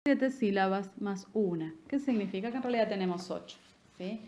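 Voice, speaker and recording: A woman teaching a literature lesson. She explains patiently, checks in with "¿sí?" and taps out rhythm while reciting verse slowly. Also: mid-range voice, darkish tone. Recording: echoey room with faint noise.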